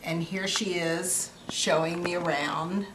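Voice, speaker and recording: Sweet old lady, grandmother, unhurried pace, slightly low voice, affectionate casual storytelling. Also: steady tone. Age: older, grandmother. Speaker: grandmother narrating family photos. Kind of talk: casual reminiscing over photos. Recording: echoey room with clear background noise.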